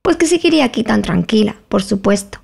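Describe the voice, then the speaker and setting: A woman's voice: mid-range voice, lively intonation, a little fast, creaky, darkish tone, slightly rough, exaggerated voice. A woman voicing a sensible, considerate young girl in an audiobook, speaking earnestly. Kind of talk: audiobook character voice.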